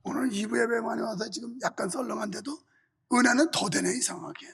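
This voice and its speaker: A male pastor preaching a fervent sermon with a strained voice and rhythmic, shouted refrains, in a church sanctuary. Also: extremely high pitch, fairly quick, creaky, slightly rough. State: voice strained from heavy use. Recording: reverberant church hall.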